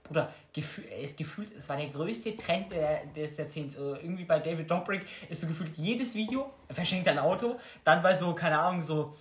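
A man's voice: on the high side, brisk, few pauses. A young man chatting casually with friends as a podcast co-host, slangy and mixing in English words. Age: young adult. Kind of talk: casual chat among friends. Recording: roomy echo, faint noise.

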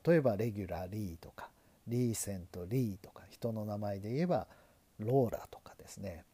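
Earnest low-voiced man, mellow and husky. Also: no echo. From Japan. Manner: earnest, self-deprecating, measured. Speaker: lawyer and podcast host. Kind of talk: solo podcast talk on learning English.

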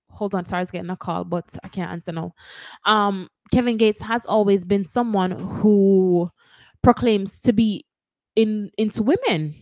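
A woman's voice: mid-range voice, darkish tone, dry recording. Chatty Jamaican woman host, dry sound. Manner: chatty, hedging, self-correcting. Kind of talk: casual commentary.

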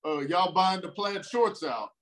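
Over a noisy background, a native Spanish speaker with a high-pitched, animated voice jokes around as a podcast guest. He teases his hosts playfully and tosses in quick comic asides.

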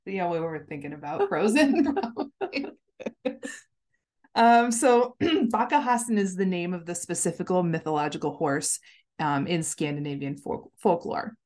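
A woman's voice: lowish voice, lively intonation, measured pace, darkish tone. Giggly woman co-hosting a podcast. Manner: giggly, chatty, lots of fillers. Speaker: podcast co-host. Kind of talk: casual chat.

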